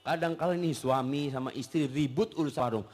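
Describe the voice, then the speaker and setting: A man preaching to a congregation, animated and sprinkling Arabic religious phrases, sometimes acting out husbands and wives. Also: fairly high pitch. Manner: animated, acts out husbands and wives in quick voices. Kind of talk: sermon with questions and answers.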